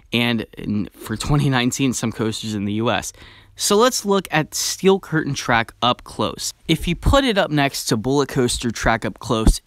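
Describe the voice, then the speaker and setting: Excited, chatty young-sounding male vlogger. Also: medium pitch, smooth, no echo. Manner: excited, chatty, with strong personal opinions. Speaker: theme park vlogger. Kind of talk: enthusiastic video commentary.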